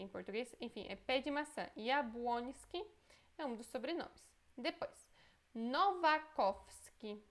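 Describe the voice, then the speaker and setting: A woman gives a language lesson in a fairly high voice. She speaks slowly and deliberately, pronouncing each word carefully twice, then adds quick asides to explain. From Poland. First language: Polish. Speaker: Polish language teacher. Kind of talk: language lesson, reading words aloud and explaining.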